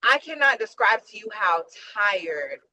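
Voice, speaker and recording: A woman's voice: mid-range voice, big pitch swings, a little slow, sharp tone, muffled recording. A woman, a nurse on a webinar call, venting frankly and emphatically about how tired she is. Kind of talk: casual venting on a video call.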